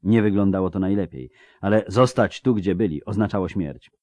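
A man narrating an audiobook in a steady, dramatic reading style. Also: low-pitched, brisk, dry recording. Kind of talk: scripted narration.

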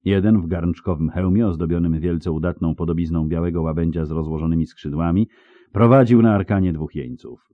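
Casting: expressive male audiobook narrator, low voice, dry close sound. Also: fairly quick, no echo, narrow, tinny audio. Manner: expressive, dramatic storytelling. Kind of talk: scripted narration.

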